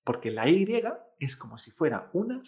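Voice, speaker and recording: A man's voice: mid-range voice, sing-song, moderate pace, gravelly, darkish tone. A man from teaching pronunciation, patiently repeating each sound aloud and checking in with listeners after every example. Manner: patient, demonstrates sounds by repeating them, frequent "¿eh?" tags. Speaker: Chinese language teacher. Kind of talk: pronunciation lesson.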